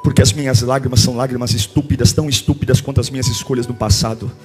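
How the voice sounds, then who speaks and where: Soft music underlies this sermon from a Brazilian Portuguese-accented pastor, who speaks rapid-fire in a steady tone. At moments he shouts and chants, and at others he drops to a hushed, low plea.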